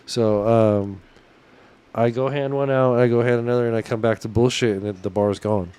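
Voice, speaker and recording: A man's voice: mid-range voice, fairly even intonation, normal speed, mellow, clean tone. A man telling stories in casual banter, with a slangy, sweary frat-bro manner, acting out what people said.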